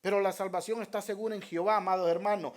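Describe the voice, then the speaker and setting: A man's voice: high voice, fairly even intonation, fast talker. A male pastor preaching a sermon, repeating Bible references and putting rhetorical questions to his congregation. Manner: repeats Bible references and addresses listeners as beloved brothers.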